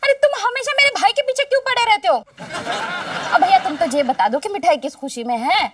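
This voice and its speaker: An actress playing a worried young wife in a sitcom, whiny and pleading. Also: female voice, sits high, lively intonation, brisk. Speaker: comic actress. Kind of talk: sitcom acting. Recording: distant mic, noisy.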